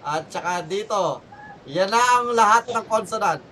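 A man's voice: high-pitched, animated, measured pace, far from the mic, noisy background. A man with a Filipino accent hosting a casual podcast word game, counting down and prodding the players. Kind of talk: casual game-show chat, mixing Tagalog and English.

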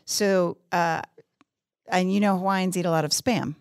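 A woman's voice: on the low side, steady tone, unhurried, smooth, dry recording, clean studio sound. A middle-aged woman with a Pittsburgh accent, chatting casually and playfully with a group.

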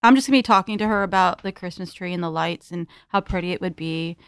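A woman's voice: on the low side, quick pace, clear, resonant tone, dry recording, clean studio sound. A woman playing a tabletop game, chatty and giggly. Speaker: player. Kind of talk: casual tabletop play.

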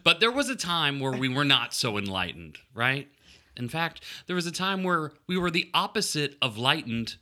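A man's voice: fairly high pitch, big pitch swings, moderate pace, sharp tone. A young man co-hosting a casual podcast, playful and mock-serious as he quizzes his co-host.

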